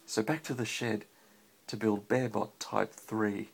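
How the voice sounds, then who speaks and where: Unhurried and fairly even in intonation, a fairly low, gravelly, slightly rough male voice reads a children's story aloud. He's a father reading to his child, with casual chat and encouraging questions in between. A handheld phone captured it at home, with faint background noise.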